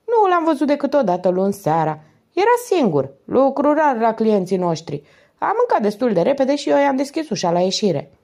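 A woman puts on a formal male head waiter of about fifty from an audiobook, polite and precise. His voice rides higher than her narration, with a lively lilt.

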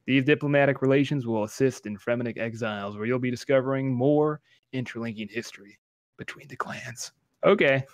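Foul-mouthed joking gamer host. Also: male voice, mid-range voice, fairly quick. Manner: swears a lot, jokey, reads lore aloud with mock drama. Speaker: podcast co-host. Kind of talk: casual gaming podcast chat.

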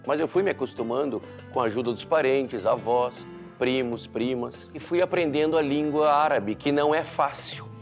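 A man in his fifties from Brazil speaks earnestly about home and family. His voice has a gravelly, fry-laced texture. Soft guitar music plays faintly behind. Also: medium pitch, moderate pace. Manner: earnest and heartfelt. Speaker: entrepreneur and law student. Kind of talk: documentary interview. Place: living room at home, indoors.

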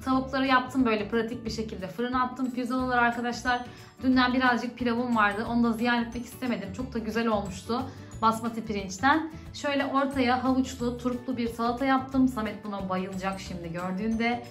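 Chatty high-voiced woman vlogging at home. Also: fairly even intonation, a little fast, a bit bright, reverberant, soft background music. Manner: chatty, upset and ranting. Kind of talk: casual vlog chat.

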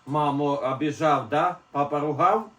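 A man's voice: on the high side, measured pace, a bit bright. A man at home, chatting casually and patiently guiding a small child through a task. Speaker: parent at home. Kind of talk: casual family chat with a toddler. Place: home kitchen. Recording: echoey room, distant mic, faint noise.

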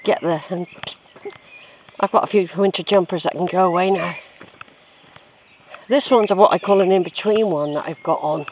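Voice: mid-range voice, normal speed, long pauses, slight background noise. A walking vlogger, chatting casually and musing aloud outdoors on a woodland track, recorded on a handheld camera. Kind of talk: rambling casual commentary while walking. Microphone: handheld camera's built-in microphone.

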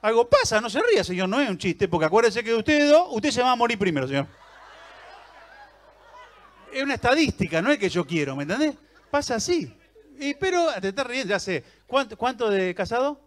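A man's voice: very high voice, big pitch swings, a little fast, a bit bright. A man with an Argentine accent doing live stand-up comedy on a theater stage, teasing and chatting with the audience. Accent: Argentine Rioplatense Spanish.

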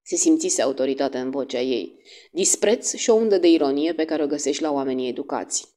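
A woman reading an audiobook in an expressive, measured way. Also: sits low. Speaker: audiobook narrator. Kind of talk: scripted audiobook narration.

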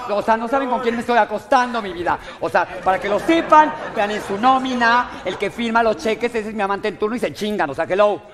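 A comedy performer with a Mexican Spanish accent plays a vain, dramatic blonde actress in a live sketch, huffing like a diva, gushing campily and peppering lines with "mi vida" and "hello." Her mid-range voice is brisk with hardly any pauses and close to everyday speech. A crowd can be heard in the large hall.

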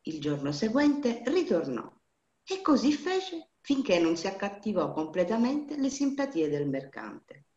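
A woman's voice: mid-range voice, very animated, unhurried, dark tone. A woman reading a fairy tale aloud in a storytelling style, in a dull, roomy recording.

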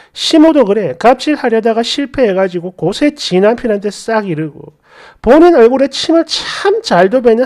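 A woman narrating online posts and comments in a dramatized reading, acting out the quoted lines. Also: on the high side. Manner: expressive, acts out quoted lines. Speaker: story channel narrator.

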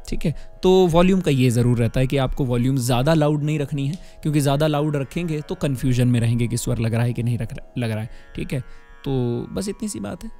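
A male music teacher with a fairly high speaking voice explains things patiently, stopping often to check that his students follow. He speaks close to a microphone, and soft harmonium playing runs under his words. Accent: Hindustani. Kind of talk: spoken music lesson with sung demonstrations. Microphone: close studio microphone.

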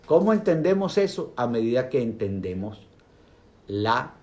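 An older man gives a casual, animated talk on meditation, speaking directly to his viewers. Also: mid-range voice, measured pace. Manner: animated, speaks directly to viewers, asides and vocal sound effects.

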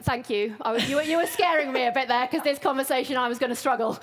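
A woman's voice: high-pitched, fast, a bit bright. A woman, hosting an event and interviewing a guest on stage. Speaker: host, interviewer. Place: large theatre stage. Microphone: headset.

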